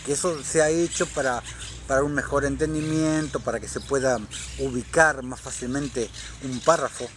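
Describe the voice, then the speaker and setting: A man reading scripture and preaching on it, fervent and rising to loud, emphatic declarations. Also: medium pitch, steady tone, moderate pace, background noise. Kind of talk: Bible reading and sermon commentary.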